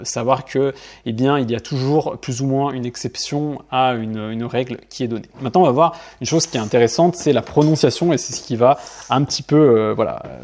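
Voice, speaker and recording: A man giving an online language lesson, hesitating often and repeating example words slowly and carefully. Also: medium pitch, darkish tone. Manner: hesitant, many fillers, slow careful word repetitions. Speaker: Spanish teacher.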